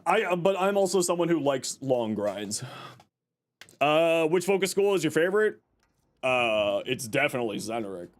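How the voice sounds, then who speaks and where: A man giving casual live game commentary and answering chat in a tired, low-energy, flat voice that sounds worn out. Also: moderate pace. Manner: low-energy, sleepy, flat burned-out delivery. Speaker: game livestreamer. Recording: clear background noise from game audio. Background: video game sounds.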